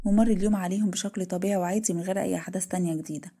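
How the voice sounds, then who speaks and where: A woman's voice: on the low side, steady tone, rapid-fire, mellow, breathy edge. A woman with an Egyptian accent narrating a romantic story.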